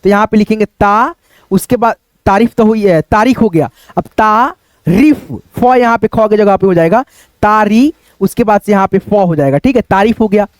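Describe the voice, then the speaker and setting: Casting: young male teacher, very high voice, dry close sound, patient word-by-word dictation. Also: no room sound. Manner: repeats each word slowly, often asks "ठीक है?". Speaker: Hindi writing teacher. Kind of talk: step-by-step spelling lesson.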